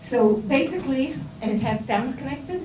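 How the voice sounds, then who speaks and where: With a high-pitched voice, lively intonation and moderate pace, a middle-aged Israeli woman speaks informally to seminar students. She has a Hebrew accent in English and uses many fillers and restarts. It's a distant, roomy recording with noise.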